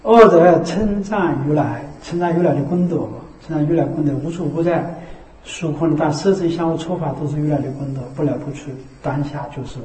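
A man giving a Buddhist dharma talk as a teacher. He keeps checking in with rhetorical tags and slows into a measured recited cadence for scripture. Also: a little high, fairly even intonation, dark tone. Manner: repeats the tag "是吧" as a rhetorical check. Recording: echoey room.

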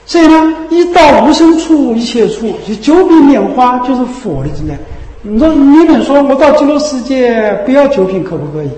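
A man giving a Buddhist sermon, often asking rhetorical tag questions and dropping low and soft on them. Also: very animated, normal speed. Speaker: Buddhist teacher. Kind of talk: Dharma sermon. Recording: echoey hall with long reverb.

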